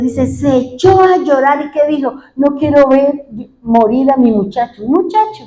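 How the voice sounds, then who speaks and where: A woman's voice: a little high, dark tone. Impassioned woman pastor preaching, echoey room. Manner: impassioned preaching with rhetorical questions. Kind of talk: sermon.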